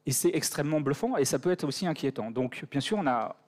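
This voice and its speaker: A man's voice: a little high, expressive, fast, darkish tone. A man with a French accent answering audience questions at a conference, hesitant, with many fillers and restarts. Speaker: conference speaker. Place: conference hall.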